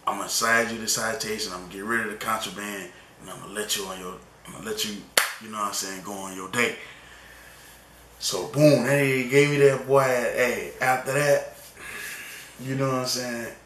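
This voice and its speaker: A man's voice: lowish voice, fairly even intonation, moderate pace, slight background noise. A young man rambling through a storytime vlog in casual slang, often tagging on "you know what I'm saying". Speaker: vlogger telling a story. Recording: echoey room with loud music behind.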